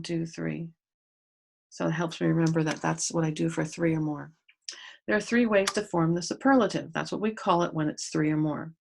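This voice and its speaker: A woman's voice: sits low, gravelly, husky. A woman teaching a grade school grammar lesson to pupils at home, patiently explaining step by step and spelling out letters.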